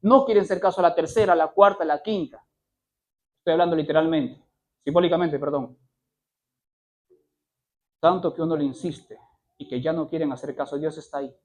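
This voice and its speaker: A man's voice: a little high, fairly quick, pauses often, darkish tone. A man preaching a sermon, pressing his point with repeated phrases and rhetorical questions, and correcting himself mid-sentence.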